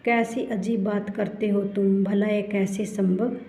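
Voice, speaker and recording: A woman voicing a stern, proud emperor who is quick to anger, in a slow, commanding storybook reading. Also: mid-range voice, fairly even intonation, dark tone, natural voice. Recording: roomy, dull lo-fi recording.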